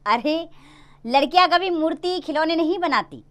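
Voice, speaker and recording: A woman doing a gruff, coughing village father. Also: very high voice, animated, moderate pace, fairly bright tone, voice pushed up. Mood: scolding. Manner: scolding, insistent.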